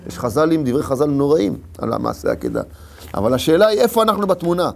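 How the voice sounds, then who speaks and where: Gravelly high-voiced man teaching Torah. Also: wildly swooping pitch, darkish tone, slight background noise. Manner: storytelling with rhetorical questions and repetition. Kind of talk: Torah lesson sermon.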